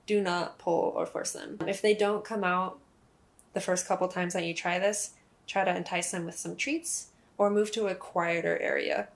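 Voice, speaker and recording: A woman's voice: fairly low pitch, steady tone, moderate pace. A young woman in a casual instructional vlog, explaining pet training in a friendly, chatty way with occasional fillers. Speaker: cat owner explaining leash training.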